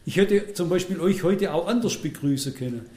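A man preaching a sermon, blunt and self-mocking, swinging between loud emphatic lines and quiet asides. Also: sits high, lively intonation, brisk, roomy sound.

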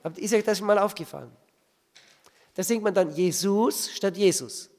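A man's voice: high-pitched, normal speed, a little mellow. Guy preaching to a congregation, keeps asking "right?", big hall reverb. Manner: asks the audience rhetorical questions. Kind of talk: church teaching talk.

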